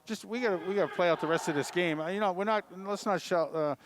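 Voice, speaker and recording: A man giving color commentary at a high school basketball game with a New England accent, rambling and full of "uh" fillers. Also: fast, background noise.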